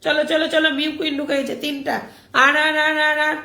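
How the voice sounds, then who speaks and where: Hoarse woman, bright high voice, roomy echo. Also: completely flat delivery. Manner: brisk, coaxing, keeps repeating calls to act. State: hoarse from a cold. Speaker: live-stream host. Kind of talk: casual live-stream chat, reading viewer comments.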